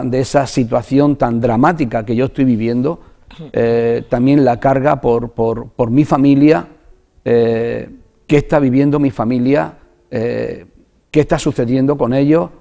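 Earnest Spanish pastor with a mellow voice. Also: male voice, medium pitch, creaky. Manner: earnest, halting, repeats words when moved. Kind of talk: personal testimony in a religious TV interview.

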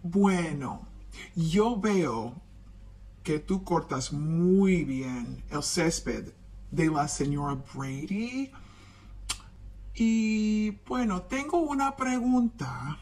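Woman putting on a gruff low neighbor man, polite, formal, very slow, lilting. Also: expressive, a little mellow, poor audio. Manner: slow, deep, deliberate phone talk. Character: polite older male neighbor, cheerful and formal.

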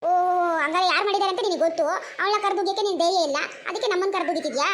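Lady voicing squeaky bright cartoon neighbour ladies, arguing back. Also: very fast, a little hiss or hum. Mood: bickering. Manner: bickering back, defensive. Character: defensive neighbour women in a village cartoon. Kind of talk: cartoon comedy voice acting.

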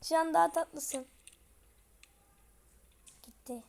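A woman's voice: very high voice, slow pace, vocal fry. A young woman chatting her way through a horror game, slangy and prone to panicky outbursts. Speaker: gameplay streamer. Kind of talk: casual horror game commentary.

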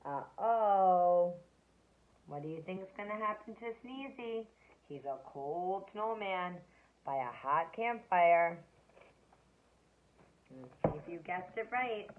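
A teacher reading a picture book aloud to children, expressive and asking them questions along the way. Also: female voice, on the low side, slow, pauses often. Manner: expressive, asks listeners questions. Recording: tinny phone-like sound.

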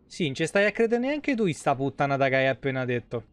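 Very animated and quick, his medium-pitched voice sounds clean. This man in his thirties, with a central Italian, Roman accent, hosts a live game stream from his indoor home setup, thinking aloud in colloquial, salty-tongued commentary.

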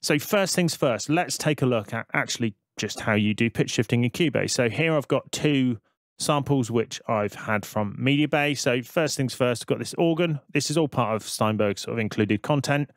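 Explaining every step as he goes, a man talks viewers through a screen-recorded software tutorial in a relaxed, conversational tone. His voice is mid-pitched, recorded close and dry, and he keeps a moderate pace.

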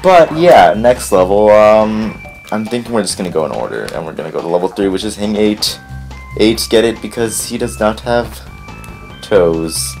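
A man hosting a let's play who rambles casually, gets excitable and swears when things go wrong, and whose voice is strained from recently losing it. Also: lowish voice, moderate pace, soft background music. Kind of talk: casual gameplay commentary.

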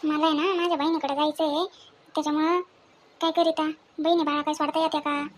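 A woman, acting as a sharp-tongued, fearless village woman in an amateur family skit, scolding and teasing in quick speech. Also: high voice, flat delivery, a little hiss or hum, natural voice. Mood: chatty.

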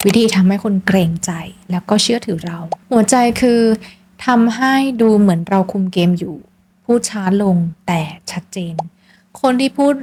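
Soft-spoken woman podcast host. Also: mid-range voice, a little hiss or hum. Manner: gentle, coaching tone with polite particles. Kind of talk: scripted self-help talk.

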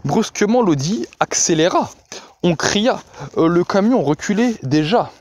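A man's voice: high voice, animated, unhurried, a little hiss or hum. A man reading novel excerpts aloud, dramatic, with occasional hesitations and restarts. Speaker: reader.

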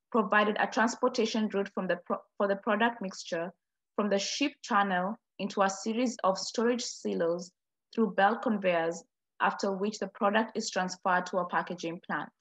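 A woman's voice: mid-range voice, a bit bright. Woman reading a formal project presentation. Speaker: student presenter.

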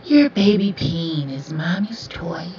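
A young woman speaking slowly in a soft, breathy half-whisper, soothing yet commanding and repeating her phrases. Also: lowish voice, expressive. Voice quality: breathy, often slipping into whisper. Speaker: roleplay audio performer. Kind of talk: whispered hypnotic roleplay ASMR. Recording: roomy, distant, dull lo-fi sound with faint hiss.

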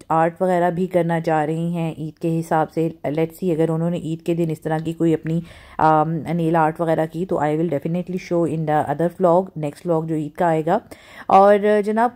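A woman's voice: lowish voice, dark tone. A middle-aged woman from Pakistan, narrating her home vlog in a chatty way, with many fillers and English words mixed in. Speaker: vlogger.

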